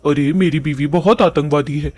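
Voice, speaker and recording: A man's voice: fairly high pitch, fairly even intonation, darkish tone, natural voice. A man voicing a shameless, lecherous old father-in-law in a cartoon story, talking in a wheedling way. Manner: wheedling, drawn-out.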